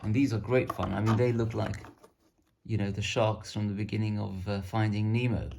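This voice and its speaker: A man's voice: fairly low pitch, little pitch movement, moderate pace, gravelly, background noise. A man casually showing off his painted miniatures, rambling and self-deprecating. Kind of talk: casual hobby show-and-tell.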